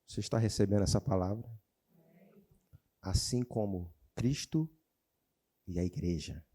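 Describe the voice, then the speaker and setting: A male pastor preaching a sermon in church, calling out questions to the congregation and moving between loud exclamations and quiet, low passages. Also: breathy edge. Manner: animated preaching, calls out to the congregation, shifts between shouting and quiet.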